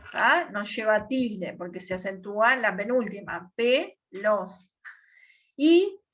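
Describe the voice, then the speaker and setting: A woman teacher explains step by step on a video call, pausing often to check that the class follows. Her voice sits high and her pace is unhurried. The audio is dull and lo-fi. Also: a bit bright. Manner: patient, repeats "¿tá?" checks.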